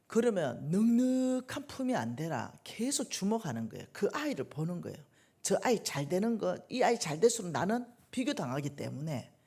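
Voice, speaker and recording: Husky, animated middle-aged woman preaching. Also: low-pitched. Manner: animated, preacherly, swings between soft asides and loud bursts. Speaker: lay minister preaching at a church revival meeting. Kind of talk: sermon. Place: church.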